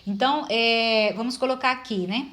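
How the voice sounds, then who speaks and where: Woman teacher, slightly high voice, patient, explains step by step. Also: moderate pace, a bit bright. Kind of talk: informal classroom lesson.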